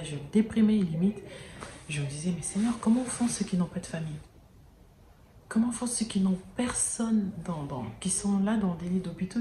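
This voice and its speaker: A woman talks straight to camera in a casual, earnest way, her voice sitting a little low and halting often as she restarts her sentences. With no separate mic, the sound is roomy and echoey, and a faint hum of background noise runs underneath. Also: warm tone. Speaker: vlogger. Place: indoors near an airport, daytime. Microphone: no external mic, camera mic. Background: planes and sirens passing.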